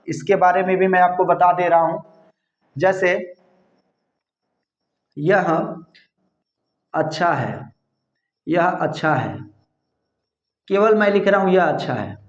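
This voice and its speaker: A man teaching English grammar in Hindi, explaining slowly and repeating himself, spelling words out letter by letter. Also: sits high. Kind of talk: Hindi-language grammar lesson. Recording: echoey room, slightly dull sound.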